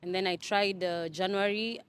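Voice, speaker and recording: A woman's voice: medium pitch, fairly even intonation, moderate pace, clear, resonant tone. A young woman from Kenya answering interview questions casually, hesitant with many fillers and restarts. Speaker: interview guest. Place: Dubai.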